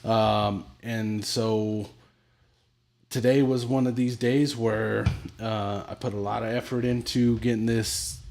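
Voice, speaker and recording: A man's voice: fairly low pitch, little pitch movement, takes it slowly, gravelly, darkish tone. Middle-aged man telling crude jokey stories. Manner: crude, joking storyteller who acts out voices. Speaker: podcast co-host. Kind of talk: casual livestream chat.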